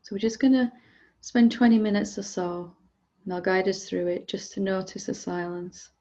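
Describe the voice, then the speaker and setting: With calm, gentle speech and unhurried pauses, a meditation teacher softly guides listeners through instructions. She has a medium-pitched voice, and the sound is lo-fi.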